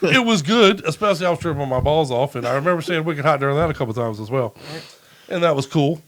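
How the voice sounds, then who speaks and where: A male podcast host spins a loose, profanity-laced story, laughing along as he goes. His voice sits a touch high for a man. He talks in a relaxed, off-the-cuff way. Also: quick pace, rough recording. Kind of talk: casual storytelling.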